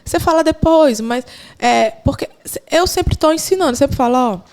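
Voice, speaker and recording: A woman's voice: high voice, normal speed. A woman, a podcast consultant guest, chatting casually and expressively. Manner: expressive, laughs often, coaching tone. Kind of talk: casual chat.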